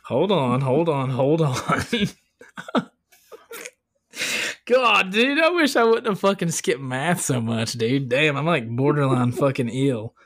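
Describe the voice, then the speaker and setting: A man's voice: medium pitch, animated, unhurried. Guy podcast co-host just shooting the shit, jokey, swears a ton, lots of slang. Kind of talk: casual, profane banter.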